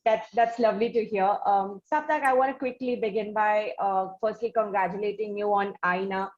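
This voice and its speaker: A woman with an Indian accent hosts an interview show, speaking in a wordy, effusive and hesitant way during the conversation. Her voice is medium-pitched and steady at a normal speed, captured in dull, lo-fi audio with background noise.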